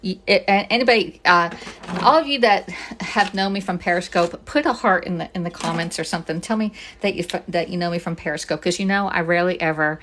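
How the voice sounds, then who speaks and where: A woman's voice: fairly low pitch, quick pace, fairly bright tone, slight background noise. Chatty middle-aged woman cooking live. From Pennsylvania, US. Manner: chatty, talks through each step, greets viewers, jokes with herself. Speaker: cooking demonstrator and kitchenware consultant. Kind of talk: casual live-streamed cooking demo. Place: home kitchen.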